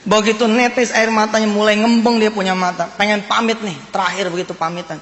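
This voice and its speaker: A man preaching a sermon, telling a story in an animated way and voicing its characters. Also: sits high, a little fast. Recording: echoey hall with faint noise.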